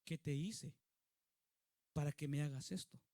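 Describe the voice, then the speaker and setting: A male pastor voicing a grieved man who confronts a friend who betrayed him, asking soft, reproachful questions. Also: on the high side, slow pace, no echo, clean studio sound. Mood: hurt, reproachful.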